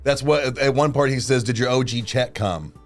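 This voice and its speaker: A man's voice: mid-range voice, moderate pace, soft background music. Blunt, cussing man on a live stream. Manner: blunt and loose, swears freely. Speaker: co-host. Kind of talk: casual live-stream chat.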